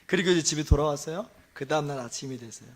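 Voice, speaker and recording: A male pastor preaching a Sunday sermon, telling a story with self-deprecating humor and swinging from soft asides to loud outbursts. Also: on the high side, racing.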